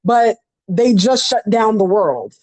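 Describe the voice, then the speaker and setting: A woman's voice: fairly high pitch, lively intonation, slow, darkish tone, dry recording, low-quality recording. Chatty woman in her thirties, storytelling. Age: 30s. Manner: rambling with many "like" fillers. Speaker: podcast co-host. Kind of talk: casual chat, personal storytelling.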